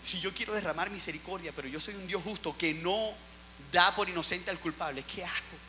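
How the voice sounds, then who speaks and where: A man preaching a sermon to his church, with big swings in loudness as he acts out the people in the story. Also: sits high, fairly quick, long reverb tail, a little hiss or hum. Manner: preaching with dramatic swings, acting out Bible characters. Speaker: pastor.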